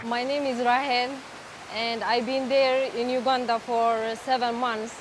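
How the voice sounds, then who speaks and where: A woman's voice: fairly high pitch, a little slow. A woman interviewee speaking hesitantly with many fillers. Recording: steady loud hiss behind the voice.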